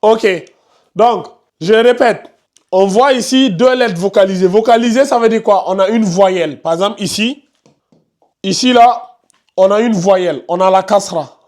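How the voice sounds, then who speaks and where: A fairly high-pitched man teaching tajwid to his students over a video call. He repeats his points and keeps pointing at the screen. He gives careful, patient explanations. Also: moderate pace, darkish tone. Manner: repetitive, pointing out details on screen, scolds noisy students. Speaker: Quran recitation teacher. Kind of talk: online class teaching tajwid.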